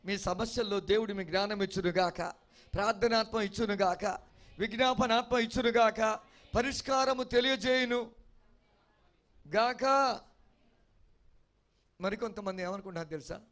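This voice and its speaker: Delivering an expository sermon, a man with a high, fairly bright voice speaks at normal speed and often pauses. He stresses repeated refrains emphatically and keeps checking whether his congregation is following along.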